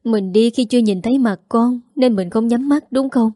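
A woman's voice: a little high, moderate pace, dark tone, no echo, studio quality, lightly acted. A woman with a Southern Vietnamese accent voicing a grieving pregnant young widow in a tearful, pleading lament.

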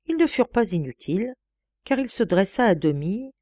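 A woman reading a classic novel aloud as an audiobook, with expressive storytelling. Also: medium pitch, moderate pace, dry recording, studio quality. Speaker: audiobook reader. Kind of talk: scripted narration of a classic novel.

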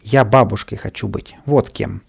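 A man voicing a capricious, whining little boy in a storybook reading, with a gravelly, husky voice. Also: fairly low pitch, normal speed, full character voice. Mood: stubborn. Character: whiny, stubborn, mischievous little boy.

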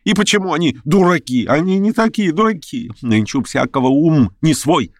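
A man's voice: lively intonation, dry recording, clean studio sound. Man doing a frantic, feverish young conspirator. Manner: breathless, high, rushed pleading. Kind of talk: audiobook character reading.

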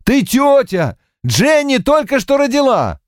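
A man reading an audiobook voices an overjoyed young new father who shouts with delight, his voice pitched well up. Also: wildly swooping pitch, unhurried, dry recording, studio quality, full character voice.

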